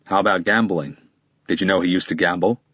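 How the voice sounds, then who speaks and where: A calm detective questions a witness steadily and persistently, read by a man in an audiobook. The voice is low and husky. It sounds dry and a little dull. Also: a little fast, no echo. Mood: probing. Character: calm, probing male police detective.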